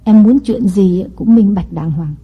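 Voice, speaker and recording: Storybook scheming wife voiced by a man: wheedling, coy, husky, lo-fi. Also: high-pitched, measured pace, voice pushed up, heavily acted. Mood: coaxing. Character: young scheming wife, coaxing and sly.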